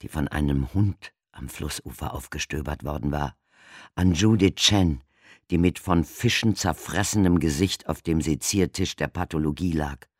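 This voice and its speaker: A man reading a thriller audiobook in a measured, dramatic narration. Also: a bass voice, dry recording, studio quality. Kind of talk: scripted narration.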